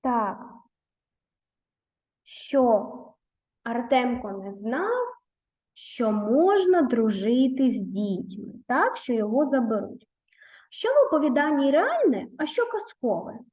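Expressive woman teacher reading to children. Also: on the high side, slow pace, pauses often. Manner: expressive, gentle, coaxing. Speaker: primary school teacher. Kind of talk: reading a story aloud and leading a video lesson.

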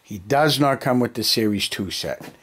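A fairly bright, medium-pitched voice belongs to an American man in his fifties, a hobby vlogger talking casually to the camera in his basement hobby room. He speaks expressively at a moderate pace, unscripted, thinking aloud in short muttered bursts, recorded on a handheld camera held near arm's length.

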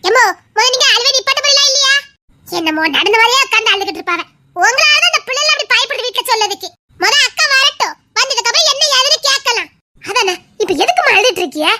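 A woman's voice: extremely high pitch, expressive, fast, sharp tone, heavily acted. A woman voicing a fretful, outspoken village mother-in-law, in a family drama. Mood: scolding.

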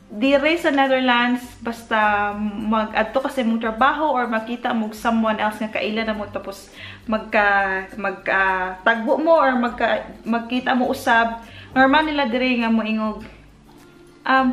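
A woman's voice: fairly high pitch, a little slow, fairly bright tone, roomy sound, soft background music. A woman with a Filipino accent, chatty and casual, teaching basic words at home with many fillers and restarts. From Philippines. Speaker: vlogger. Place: home in the Netherlands.

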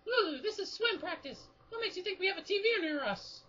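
A woman voicing a bubbly, excitable teenage schoolgirl in a comedy fan dub. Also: very high-pitched, a little fast, slight background noise, exaggerated voice. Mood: chirpy. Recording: dull lo-fi sound.

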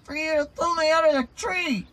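A woman voicing an excitable, panicky teenage boy hero who shouts often. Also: sits high, fairly quick, loud music behind the voice, close to an everyday voice, low-quality recording. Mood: frantic. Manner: frantic, shouty.

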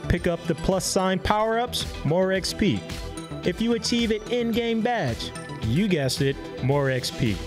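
Brief: male explainer voice, upbeat and bouncy, lively rising and falling pitch over clear music. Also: measured pace. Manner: bouncy, enthusiastic. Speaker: segment narrator.

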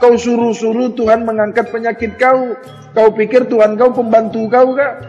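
A man preaching to a live audience, scolding them with rapid-fire rhetorical questions. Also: very high-pitched, flat delivery, darkish tone. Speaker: religious teacher. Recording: reverberant hall, dull lo-fi sound, faint music.

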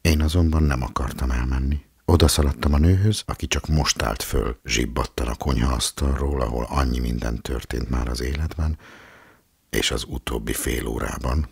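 A man reads a story aloud in a calm, measured way. His voice is very deep and gravelly, with a husky edge. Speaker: audiobook reader. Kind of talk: literary reading.

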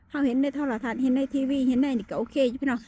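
A woman's voice: high-pitched, steady tone, racing, mellow, husky. A woman with an Isan Lao accent vlogging a castle visit outdoors, chatting to her viewers in a friendly way. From Laos or northeast Thailand. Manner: chatty, addresses viewers as brothers and sisters. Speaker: travel vlogger. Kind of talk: casual travel vlog narration. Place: outdoors on a castle wall in the rain.

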